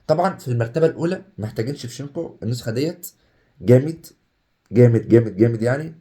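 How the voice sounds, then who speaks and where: A young Egyptian man talking casually over a game, excitable and chatty, swinging between hype and groans. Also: medium pitch, racing. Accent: Egyptian Arabic. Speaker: gaming YouTuber. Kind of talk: casual gameplay commentary.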